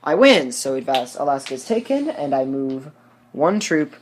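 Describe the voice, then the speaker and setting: A man talks through a board game for viewers in a relaxed, chatty way. He walks through each dice roll and rule step by step and keeps poking fun at his own bad luck. It is easy, off-the-cuff commentary rather than a scripted read. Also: medium pitch, moderate pace, a little hiss or hum. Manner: explains rules step by step, self-mocking. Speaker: let's play host.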